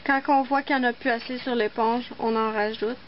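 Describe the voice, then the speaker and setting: A high-pitched woman talks through a casual nail art tutorial, explaining each step while she works. The recording is slightly dull and lo-fi. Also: steady tone, brisk, a little hiss or hum. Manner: chatty, explains while working.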